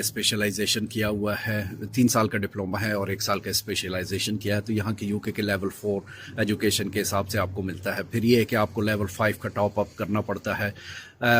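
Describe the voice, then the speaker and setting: Man, low voice, relaxed advice-giving vlog tone, slight background hum. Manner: relaxed, mixes in English words, many "jo hai" fillers. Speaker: vlogger advising overseas health workers. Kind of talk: casual advice talk.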